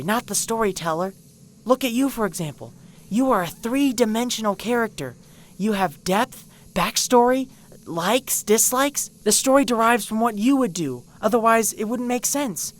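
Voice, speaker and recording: A woman voicing a hyper, secretive young female party pony who talks in bouncy, rapid bursts, in a fan-made cartoon parody. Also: fairly high pitch, animated, close to an everyday voice. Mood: reassuring.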